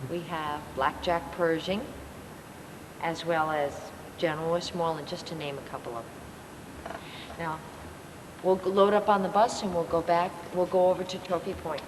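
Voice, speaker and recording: A woman's voice: lowish voice, steady tone, normal speed, pauses often. Tour guide woman on old camcorder tape. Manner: informative, joking. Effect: old home-video tape sound. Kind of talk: guided bus tour commentary. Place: on a tour bus. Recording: hissy distant echoey camcorder tape.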